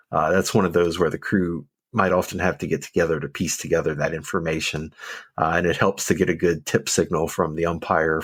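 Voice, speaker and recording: A man's voice: deep voice, breathy edge, no echo. A man co-hosting a podcast, explaining officiating rules in a casual, methodical way with frequent fillers. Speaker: podcast co-host, football official.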